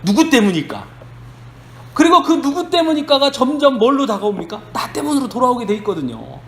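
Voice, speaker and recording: A man's voice: extremely high pitch, big pitch swings, fairly quick, a bit bright. A man preaching a sermon as a pastor, telling the story conversationally and asking rhetorical questions of the congregation. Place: church sanctuary. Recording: echoey church hall, faint noise.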